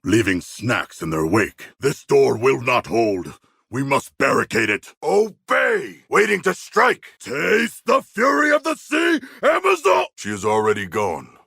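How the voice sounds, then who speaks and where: An actor playing a huge, proud but earnest and anxious shark demigod in a video game, speaking in formal, stilted, literal-minded phrases. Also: male voice, mid-range voice, huge pitch swings, unhurried, creaky, sharp tone, husky, no room sound, studio quality, full character voice. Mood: fierce, booming. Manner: formal, stilted, solemn phrasing with few contractions. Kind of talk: video game character dialogue.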